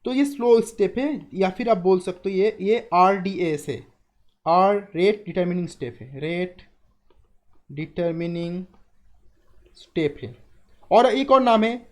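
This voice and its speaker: A man's voice: sits high, lively intonation, takes it slowly, long pauses. A young adult man teaching chemistry in a live online class, explaining step by step, repeating key terms and asking students questions.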